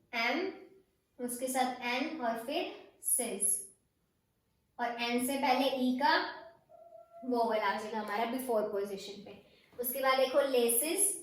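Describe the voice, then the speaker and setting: A woman with a high voice teaches a shorthand lesson. She goes step by step and patiently says each example word again slowly. The room around her is strongly echoey.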